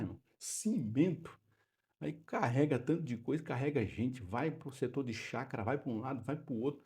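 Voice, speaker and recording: Male pastor, husky and gravelly, casual preaching-teacher delivery. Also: mid-range voice, mellow. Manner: conversational, repeatedly addressing listeners as brother. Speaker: pastor teaching Sunday school. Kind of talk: Bible lesson commentary.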